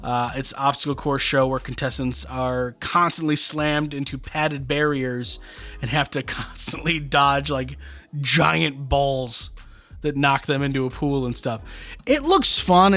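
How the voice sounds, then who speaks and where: A man's voice: medium pitch, a little slow, fairly bright tone, faint music behind. A man co-hosting a podcast in a studio, chatting casually and making self-deprecating jokes. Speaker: podcast co-host. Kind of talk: casual chat.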